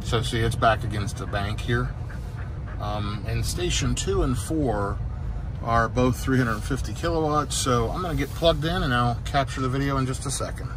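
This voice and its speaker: A middle-aged man casually narrating his drive from inside a moving car, unhurried and halting, with frequent filler sounds. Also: medium pitch. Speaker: EV road-trip vlogger. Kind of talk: casual narration while driving. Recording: loud car road noise. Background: loud road and engine noise.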